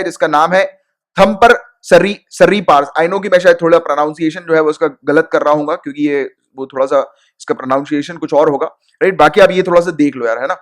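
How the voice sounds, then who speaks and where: Brief: young male coaching teacher, a little higher-pitched, informal and repetitive, keeps asking "right?". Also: fairly bright tone. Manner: chatty, repeats key points, checks in with "right?" and "okay?"; mixes English terms into Hindi. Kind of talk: casual Hindi exam-prep lecture.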